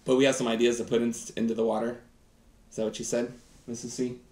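A man's voice: mid-range voice, flat delivery, fast, darkish tone. A man in his thirties doing a chatty, enthusiastic live science demonstration, talking directly to viewers. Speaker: science teacher host. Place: home kitchen set, indoors. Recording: roomy kitchen echo.

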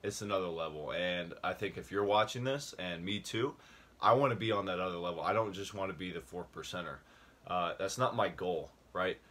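A man's voice: low-pitched, a little fast, fairly bright tone. A young man talking casually about a book he read, rambling with fillers and restarts, a little out of breath. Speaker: book review vlogger. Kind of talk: casual video talk.

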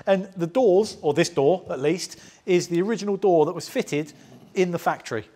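A man's voice: sits high, moderate pace, mellow. A man, hosting a car restoration vlog and explaining his work casually. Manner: chatty, explains as he goes, laughs easily. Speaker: channel host restoring a car. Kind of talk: casual workshop vlog chat. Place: large indoor garage workshop.

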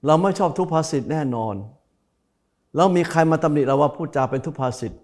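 Speaking a little fast in a darkish, higher-pitched voice, this Buddhist monk gives a televised dharma talk from a broadcast studio. He speaks straight to the viewers, repeating and stressing key phrases.

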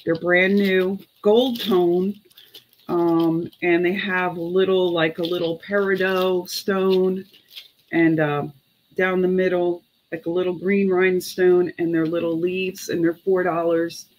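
A middle-aged woman runs a casual live online sale at a slow, unhurried pace. She chats to buyers and counts half to herself. The room recording has clear background noise. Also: on the low side, little pitch movement, rough recording. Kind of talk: casual live selling chat. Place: indoor room with clothes racks.

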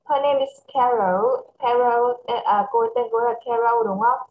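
A woman with a Vietnamese accent teaching English to a child over a video call, switching between English and Vietnamese and reading English phrases slowly. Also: a little high, muffled recording, a little hiss or hum. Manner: mixes English and Vietnamese, slow careful English. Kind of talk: online English lesson for a child.

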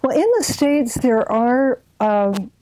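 Older woman with a mellow voice. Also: on the high side, slow, no echo, poor audio. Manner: hesitant, many fillers and restarts. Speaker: guest, arts health board secretary. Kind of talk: casual interview talk.

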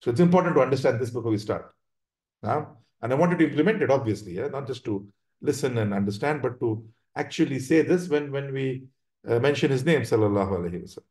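A man's voice: mid-range voice, animated, darkish tone. A man teaching an online religious class over slides, explaining step by step, often checking in with "right?" and restarting his sentences. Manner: explanatory, frequent check-ins with "right?" and "yeah?"; halting, with many restarts. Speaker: Islamic teacher. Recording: roomy echo.

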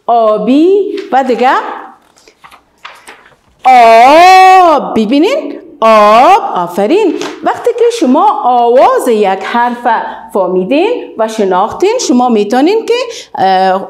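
A woman's voice: on the high side, darkish tone. A woman with an Afghan Dari accent teaching the alphabet to young children, stretching out model words and praising often. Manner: sing-song, drawn-out model words, praising.

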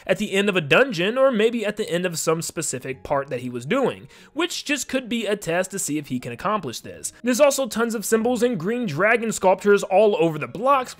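A man hosting a gaming video, giving casual, excitable and playful commentary on a game trailer. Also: sits high.

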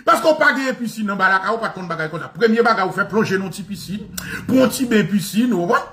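A Haitian man with a Haitian Creole accent, giving an animated, mocking political monologue and repeating phrases. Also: high voice, fast talker, slight background noise.

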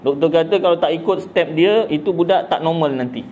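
A man's voice: a little high, brisk, a little mellow, slight background noise. A middle-aged man with a Malaysian Malay accent giving a casual religious talk, chatty and jokey, asking and answering his own questions. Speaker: religious teacher.

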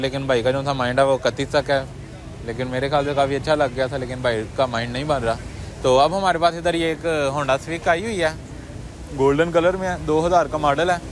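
A man with a voice on the high side hosts a walkaround at a car market, presenting the cars in brisk, salesman-like patter. He also interviews sellers outdoors on a handheld mic, with street noise behind him.

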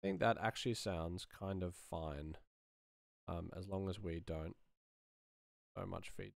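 Musing through his sound design work on a casual screen share, a man in his thirties speaks at a measured pace. His voice sits low and steady, with noticeable vocal fry.

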